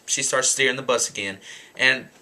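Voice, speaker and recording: A young man in his late teens telling a story in a casual rant, animated and exasperated. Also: mid-range voice, moderate pace. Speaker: vlogger.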